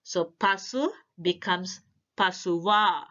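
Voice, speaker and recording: A woman teaches a language lesson, laying out each grammar rule slowly and deliberately, often pausing to spell out single sounds. Her voice sits at a middle pitch. The recording is a little dull and lo-fi. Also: steady tone, a bit bright. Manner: careful, deliberate word-by-word delivery. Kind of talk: slow instructional explanation.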